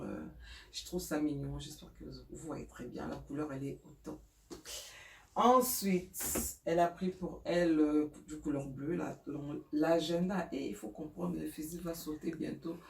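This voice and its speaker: A middle-aged woman chats her way through a home vlog, pausing often and laughing at her own slips. She sounds a little distant from the microphone, in a roomy space with a faint hiss behind her. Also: low voice, vocal fry, darkish tone. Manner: chatty, hesitant, laughs at herself, many fillers. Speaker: mother showing school supplies.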